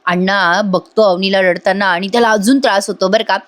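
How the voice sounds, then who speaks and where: A woman narrating a voice-over recap of a TV serial episode, telling the story lively and speaking directly to viewers. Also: mid-range voice, fairly quick.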